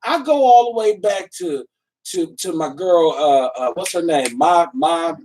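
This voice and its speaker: High-voiced, rambling man hosting. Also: lively intonation, unhurried, darkish tone, slight background noise. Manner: rambling, enthusiastic talk, searching for names. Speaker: podcast host. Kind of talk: casual podcast chat. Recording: voice a bit far from the mic.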